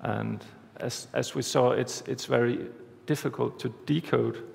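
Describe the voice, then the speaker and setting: A man giving a conference talk, walking through a live demo step by step in a halting way, recorded in a large hall. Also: mid-range voice, fairly even intonation, gravelly, a little mellow. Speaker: conference speaker. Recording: reverberant hall, faint background noise.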